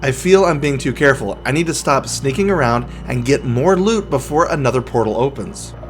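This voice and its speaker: A man casually narrating and commenting on his own gameplay, often dropping to a hushed, whispery voice while sneaking. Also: mid-range voice, expressive, fairly quick. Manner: chatty, drops to a hushed whisper when sneaking. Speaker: gaming YouTuber. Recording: faint music underneath.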